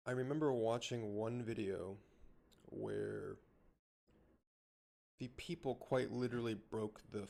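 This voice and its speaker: A man streaming from home, ranting in a rambling, loud way with swearing and restarts. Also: fairly low pitch, gravelly. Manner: says he talks loud. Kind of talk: casual ranting commentary. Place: home room with a cat.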